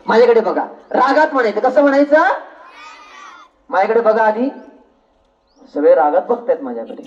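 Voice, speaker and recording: A man's voice: very high voice, distant mic, highs cut off, a little hiss or hum. A man teaching an acting workshop to children, giving directions and counting aloud in a coaxing, directive way. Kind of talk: instructing children in a class.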